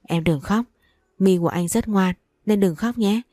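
A woman reading the lines of a gentle young husband in a story, speaking softly and soothingly. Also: medium pitch, moderate pace, no room sound, natural voice. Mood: tender. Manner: soft and soothing.

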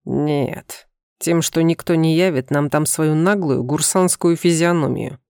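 Brief: a flirtatious alien man with a tail for an audiobook, low gravelly voice, soft and teasing, read by a woman. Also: unhurried, no echo, clean studio sound. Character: playful seductive male alien with a tail.

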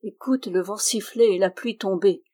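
A woman's voice: mid-range voice, moderate pace, dark tone, lightly acted. A woman voicing an impish little male dwarf who mocks and teases in a raised, exuberant voice. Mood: teasing. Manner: teasing, exuberant.

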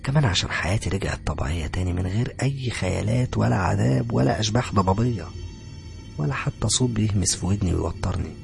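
A man with an Egyptian Arabic accent, dramatically narrating a horror story in a hushed, breathy voice that swells into loud cries. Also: fairly low pitch, expressive, fast talker, music in the background.

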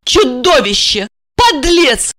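Woman doing a shrill young wife, accusing and tearful, very high and swooping. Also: big pitch swings, unhurried, fairly bright tone, no echo, clean studio sound, exaggerated voice. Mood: bitter accusing. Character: young pregnant wife Olga, frightened and accusing.

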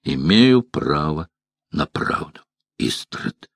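A man reading a calm, stern monster hunter. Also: a bass voice, no echo, heavily acted. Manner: slow and quiet.

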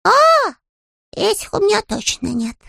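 A tiny earnest bear, squeaky and sing-song, his voice leaping wildly up and down. There is a gravelly edge in it. The recording is dry and close. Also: very animated, measured pace, no echo, exaggerated voice. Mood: puzzled. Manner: eager, innocent and very high. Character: small polite young male bear, earnest. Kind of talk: audiobook character voice.

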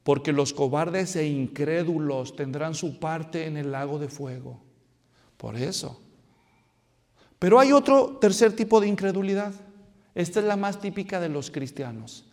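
A man preaching a sermon to his congregation, acting out Bible scenes and swinging between soft, low asides and loud, excited lines. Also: unhurried, long reverb tail. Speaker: pastor. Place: church hall.

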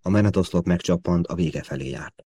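Male audiobook narrator, deep voice, steady measured reading, dry close sound. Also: breathy edge, dry recording. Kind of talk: scripted narration.

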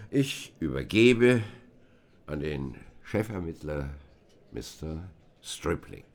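A man's voice: extremely low pitch, sing-song, slow, a little mellow, full character voice. An actor playing a stern, formal committee chairman who reads a statement and swears in witnesses in a radio play. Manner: formal, emphatic, officious. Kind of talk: radio play reenacting a hearing.

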